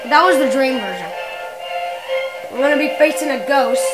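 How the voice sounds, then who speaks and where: A woman's voice: high-pitched, lively intonation, moderate pace, low-quality recording. A woman giving casual, rambling commentary on her own gameplay, often restarting and correcting herself mid-sentence. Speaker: gameplay video maker. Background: loud video game music.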